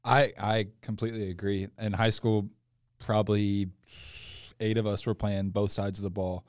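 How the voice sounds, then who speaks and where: A man's voice: lowish voice, flat delivery, moderate pace, smooth, no room sound, clean studio sound. A young man, a football player guest, telling easygoing anecdotes with hesitant starts in a casual podcast chat.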